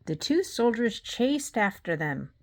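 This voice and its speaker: A woman reading a children's storybook aloud in a measured, deliberate way. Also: on the high side, very animated.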